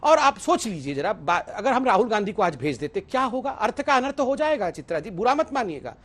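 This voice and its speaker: A man's voice: sits high, very animated, brisk, a bit bright. A man speaking as a party spokesperson in a TV debate, emphatic and appealing to the anchor. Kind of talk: TV debate argument.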